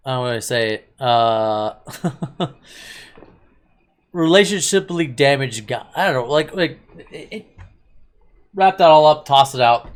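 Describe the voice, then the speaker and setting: Rambling, opinionated man reviewing anime. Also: medium pitch. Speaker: host of an anime review channel. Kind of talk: casual review chat.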